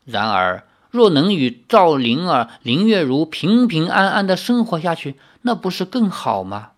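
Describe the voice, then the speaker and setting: A narrator reading a novel aloud in an expressive storytelling way, stopping now and then for explanatory asides. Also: medium pitch, unhurried. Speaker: audiobook narrator.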